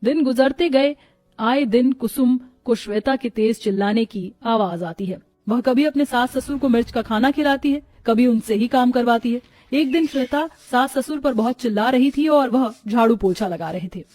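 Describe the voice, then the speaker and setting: A woman narrating a children's bedtime story in a calm, even storytelling manner. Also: a little high, moderate pace, no echo.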